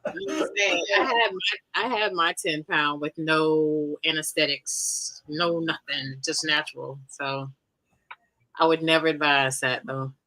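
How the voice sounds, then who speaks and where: A woman's voice: deep voice, steady tone, unhurried, sharp tone, dry recording, rough recording. A woman co-hosting a casual live stream, reading out viewer comments and laughing often. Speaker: co-host of a paranormal live stream.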